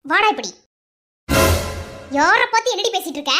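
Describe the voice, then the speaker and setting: A woman's voice: extremely high pitch, very animated, moderate pace, over music. A woman voicing a fierce young wife in a cartoon, with a Madurai Tamil accent, scolding and threatening in her husband's defense.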